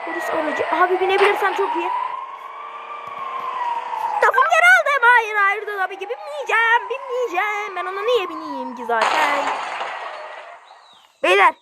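A man giving casual, excitable gameplay commentary in slangy speech, yelping at sudden moments. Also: very high-pitched, normal speed, heavy background noise. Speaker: gameplay streamer.

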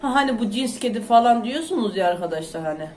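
A woman chatting loudly and rambling to her viewers in a casual home vlog. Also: fairly high pitch, lively intonation, fast talker. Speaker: vlogger. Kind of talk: casual chat to camera. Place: home, indoors. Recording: echoey room.

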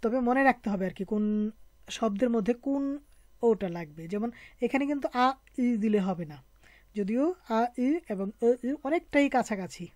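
A woman's voice: fairly high pitch, expressive, moderate pace, a little mellow, no room sound. Patient woman teaching French pronunciation. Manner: patient, explains letter by letter. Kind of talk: online language lesson.

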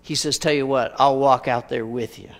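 A preacher giving a conversational sermon, asking rhetorical questions with dry humor. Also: male voice, medium pitch, steady tone, normal speed, vocal fry, long reverb tail. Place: church sanctuary.

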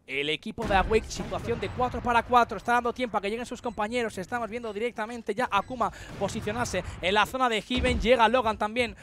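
Bright, high-voiced male esports caster. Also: fast, hardly any pauses, a little hiss or hum. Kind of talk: esports match commentary.

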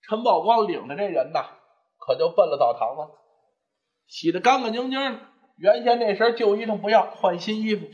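A man performing a traditional story, narrating in a lively, animated way. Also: sits high, moderate pace, muffled recording. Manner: lively, animated, switching voices.

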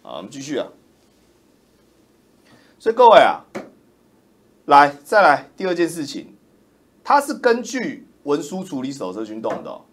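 A man's voice: on the high side, wildly swooping pitch, moderate pace, pauses often. Roaring, mocking man. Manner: loud, roaring, mocking, insulting. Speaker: political commentator. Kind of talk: ranting livestream commentary.

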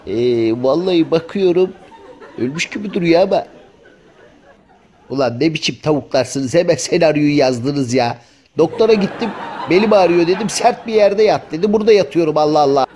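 A man's voice: fairly high pitch, lively intonation, normal speed, darkish tone, some chatter behind, lightly acted. A man voicing a cheeky grumbling house cat. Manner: colloquial, joking, full of exclamations. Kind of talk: comic voice-over dubbing of pet videos.

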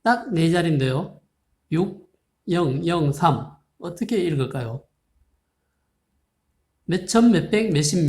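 A patient math teacher walks viewers through a lesson at an unhurried pace, reading numbers out digit by digit. The speech is polite and formal, often pausing to ask a question. The voice sits at a middle pitch and carries a roomy echo. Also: a little mellow. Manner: slow, patient explaining, reading digits out one by one. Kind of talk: recorded video lesson. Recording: roomy, echoey room sound.

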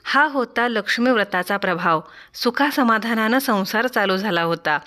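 A woman reading aloud a devotional folk tale in a measured, rhythmic storytelling style. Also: on the high side, bright, forceful tone. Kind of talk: scripted folk tale narration.

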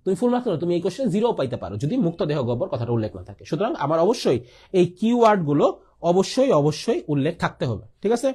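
Young Bangladeshi-accented man as a tutor, husky voice, lively pitch, coughs between points. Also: racing. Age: young adult. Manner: repeats key points, asks and answers his own questions, coughs often. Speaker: biology tutor. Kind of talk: online exam-prep lecture.

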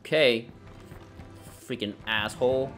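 A man giving casual let's play commentary on a game, excitable and cursing, with sudden shouts. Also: medium pitch, a little slow, faint music behind. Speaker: gamer.

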